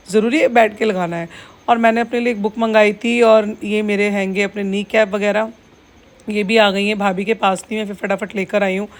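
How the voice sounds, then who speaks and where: Chatty woman vlogging to her viewers. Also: mid-range voice. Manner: chatty, addressing viewers as friends. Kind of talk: casual vlog chat.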